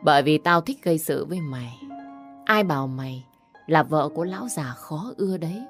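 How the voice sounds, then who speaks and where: A woman's voice: low voice, expressive, fairly quick, faint music behind. A woman voicing a spiteful young woman who taunts and insults in an audio story. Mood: taunting. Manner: taunting, insulting, picking a fight.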